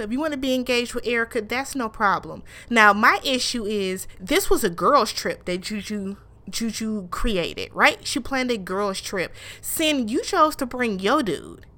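Casting note: a woman doing a casual reality-TV recap, mid-pitched voice, outspoken and animated. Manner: animated and blunt, with frequent swearing; mimics show cast members in raised voices.

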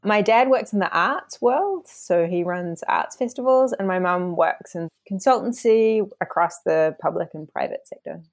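A woman's voice: mid-range voice, expressive, moderate pace, few pauses. A woman from New Zealand with a broad New Zealand accent, giving reflective, explanatory answers as an interview guest in a conversational style. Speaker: interview guest, academic author.

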